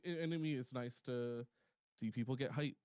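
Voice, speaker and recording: A man, a DJ guest, talking in a relaxed, hesitant way with many ums. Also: mid-range voice, normal speed, clear, resonant tone, no echo. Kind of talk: casual chat.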